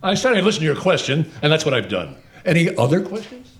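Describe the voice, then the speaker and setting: A man playing a flustered, evasive transit official, loudly addressing a crowd at an event in a live comic radio play. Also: fairly high pitch, very animated, fast talker. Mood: exasperated. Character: flustered, evasive male transit official running a public meeting.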